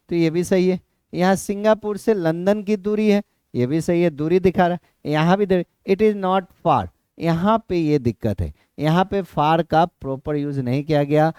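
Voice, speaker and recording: A man's voice: on the high side, warm tone, smooth, no echo. Hindi-speaking male teacher with a Bihari accent, dry close mic. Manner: repetitive, asks students if they understood. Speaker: exam prep teacher. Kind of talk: explaining a lesson to students.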